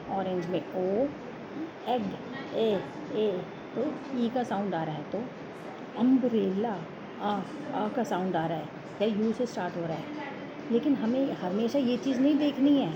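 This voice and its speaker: Indian lady teacher going over grammar real slow, noisy background hiss. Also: medium pitch, muffled recording. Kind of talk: classroom grammar lesson.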